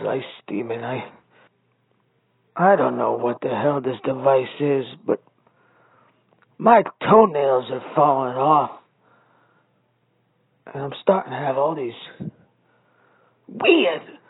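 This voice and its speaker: Guy acting paranoid freaked out man leaving angry voicemail, really hoarse raspy, tinny phone audio, audio drama. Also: medium pitch, no room sound, heavily acted. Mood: agitated, alarmed. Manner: angry, panicked voicemail rant. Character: frantic paranoid man, seeing swarms of bugs. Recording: dull phone-like voicemail line.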